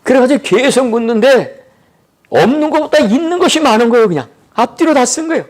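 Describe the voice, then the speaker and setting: A man's voice: lively intonation, fairly quick. A man preaching a revival sermon in a conversational way, often turning to his listeners for agreement and acting out little dialogues. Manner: conversational, keeps asking listeners "right?"; acts out dialogues in lowered, softer voices. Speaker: pastor.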